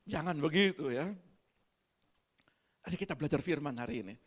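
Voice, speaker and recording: A woman preacher, giving an animated sermon and putting questions to the congregation. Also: low voice, moderate pace.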